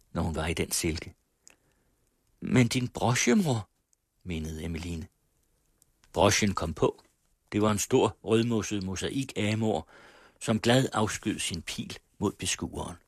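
A man reading a novel aloud on the radio, measured, letting phrase ends fall away. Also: low voice, no echo, studio quality. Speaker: radio reader.

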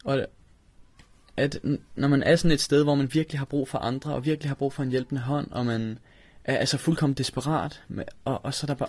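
Young man from Denmark, halting, full of restarts, dry close sound, mid-pitched. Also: darkish tone, no room sound. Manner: halting, many restarts and fillers. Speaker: interviewee telling his story. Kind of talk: personal recollection.

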